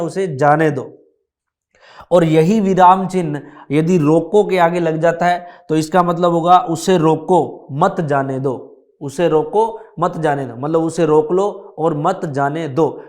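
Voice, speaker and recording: A man teaching a grammar lesson to children, explaining slowly and repeating key points as he addresses them directly. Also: fairly high pitch. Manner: slow, repetitive explaining, addresses children often.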